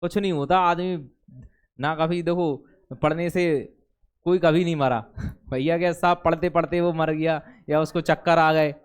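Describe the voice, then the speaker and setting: High, clear-voiced male teacher. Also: steady tone, unhurried. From India. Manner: chatty, joking asides between reading aloud. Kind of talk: classroom lesson to students. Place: classroom.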